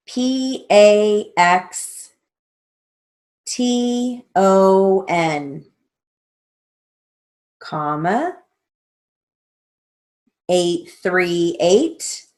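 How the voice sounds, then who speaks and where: A middle-aged woman teacher dictating a lesson, spelling out letters and punctuation deliberately. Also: mid-range voice. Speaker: stenography theory teacher. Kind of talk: instructional lesson with slow dictation. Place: indoors, small room with a plain wall.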